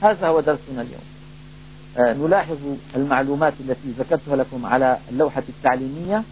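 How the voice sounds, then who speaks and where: A man teaching a Quran recitation lesson, explaining rules in a measured way and slowly drawing out recited examples. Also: medium pitch. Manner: measured, drawn-out demonstrations of recited words. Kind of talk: tajwid lesson with demonstrated recitation. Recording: tinny phone-like band, faint hum.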